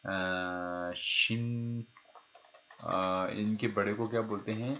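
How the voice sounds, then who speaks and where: A man's voice: fairly low pitch, fairly even intonation, bright, forceful tone, highs cut off. A man teaching a recorded language lesson, repeating each key word and quizzing his students as he goes. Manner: explains step by step, repeats key words and asks the class questions; pauses to check his notes mid-lesson. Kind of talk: recorded online lecture.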